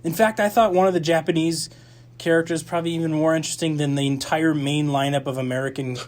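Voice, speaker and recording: A young man with a slightly raised pitch co-hosts a campus radio movie show. He talks in a loose, rambling way, restarting his sentences and piling on fillers as he reviews films. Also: steady tone, fast talker, darkish tone. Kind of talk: casual movie review chat.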